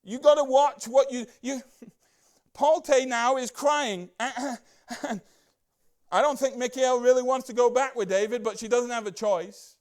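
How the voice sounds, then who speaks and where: A man preaching a casual Bible-study sermon as a church pastor, chatty and excitable, full of rhetorical questions and asides. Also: very high-pitched, unhurried.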